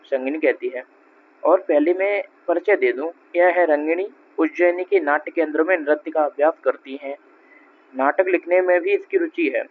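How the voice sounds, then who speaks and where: A man's voice: on the high side, normal speed. A man reading a stage play aloud, speaking the stage directions and every character's lines in his own voice. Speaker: reader of a play. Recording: tinny narrow-band recording with faint noise.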